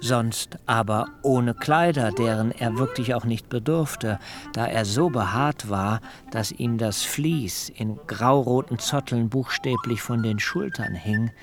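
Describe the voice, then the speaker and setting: An actor playing Jakob, a proud, wary man who recounts his own story in measured, wry, literary phrasing for a radio drama. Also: mid-range voice, over music. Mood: vivid recounting. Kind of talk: scripted first-person narration in a radio drama.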